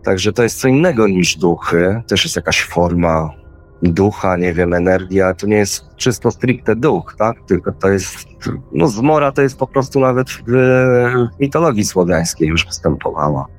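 A man's voice: fairly low pitch, animated, a little slow. A man telling a personal experience in casual, rambling speech, acting out his own quoted words as he goes. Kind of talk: casual spoken storytelling.

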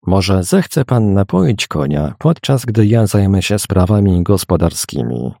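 A man reading a brisk, teasing young woman. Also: deep voice, lively intonation, vocal fry, dark tone, dry recording, studio quality, exaggerated voice. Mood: guarded. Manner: brisk, cheerful, a little evasive. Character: young woman driving a carriage, teasing and guarded.

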